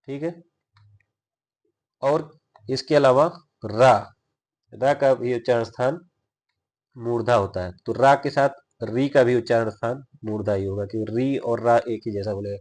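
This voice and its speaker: A man teaching a grammar lesson, explaining where sounds are made in the mouth and sounding out each syllable slowly, often checking in with the class. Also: mid-range voice, darkish tone. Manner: explanatory, checks in with "theek hai".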